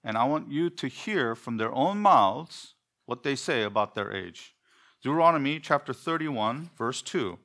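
A man whose first language is Korean, preaching an expository sermon in church with a measured, deliberate delivery and rhetorical questions. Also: mid-range voice, expressive, a bit bright. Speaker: pastor. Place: church sanctuary.

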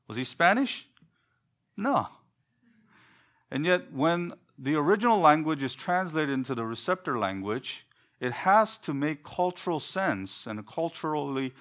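A man's voice: mid-range voice, a bit bright. Korean-born man preaching a sermon. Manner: measured, deliberate delivery with slowed emphasis and rhetorical questions. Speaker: pastor. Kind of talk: expository sermon. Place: church sanctuary.

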